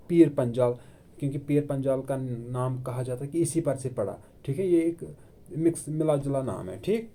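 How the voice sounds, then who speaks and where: Mellow-voiced man teaching a coaching class. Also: mid-range voice. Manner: asks and answers his own questions, repeats key terms; Hindi with English terms mixed in. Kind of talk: classroom lecture. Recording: online video lecture.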